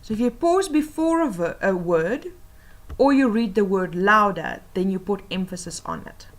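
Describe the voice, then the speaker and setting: A woman teacher explaining tips for oral reading assessments, patiently and with many pauses and fillers. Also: medium pitch, animated.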